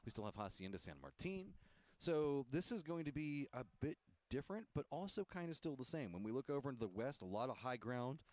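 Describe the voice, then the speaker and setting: A man's voice: mid-range voice, sing-song, brisk, a little mellow, dry recording. A man giving live esports analysis as a co-caster, joking and peppered with "like". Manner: joking, uses lots of "like" and "I mean". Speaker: esports color commentator. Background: music.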